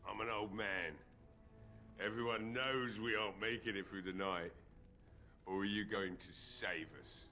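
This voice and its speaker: Brief: a stubborn old blacksmith in a game, bright, forceful tone, bitter and despairing. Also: male voice, fairly low pitch, steady tone, a little slow, faint music behind. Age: older. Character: grieving, stubborn old male blacksmith, drunk.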